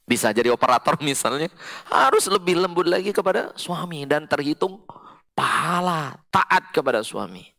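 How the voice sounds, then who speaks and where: Indonesian guy preaching at a mosque, bright voice jumping all over, recites arabic verses slow. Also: vocal fry. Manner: lively, swings between low recitation and sudden high emphatic calls; recites Quranic Arabic slowly between Indonesian explanation. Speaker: Islamic preacher. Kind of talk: mosque sermon to women.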